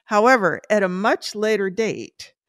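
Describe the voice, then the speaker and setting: A woman giving tidy, upbeat step-by-step advice in a prepared yet conversational interview style, stressing key words in a measured way. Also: mid-range voice, lively intonation, no room sound, clean studio sound. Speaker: personal finance expert giving advice.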